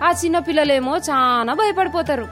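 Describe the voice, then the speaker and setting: A caring middle-aged village aunt , voiced by a woman, speaking in a Telangana accent in a radio drama. She questions gently and explains patiently in a high, motherly voice, over faint background music. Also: brisk. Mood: explaining. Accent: Telangana Telugu. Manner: warm, coaxing, motherly questioning.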